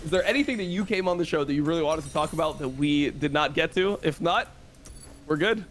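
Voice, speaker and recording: Podcast host, man, slightly high voice, relaxed, lots of fillers. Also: quick pace. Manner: relaxed, filler-heavy, wrapping up. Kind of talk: casual podcast chat.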